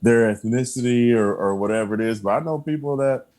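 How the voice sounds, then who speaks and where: A man's voice: medium pitch, a little fast, a little mellow. A man talking as a podcast guest in casual conversation, earnest and emphatic, often repeating his affirmations and laughing between points.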